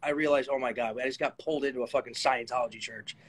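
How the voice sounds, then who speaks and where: A young man chatting casually as a guest on a live stream, relaxed, filling his talk with "like" and "bro". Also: mid-range voice, fast talker, breathy edge, rough recording. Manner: relaxed, says "like" and "bro" a lot.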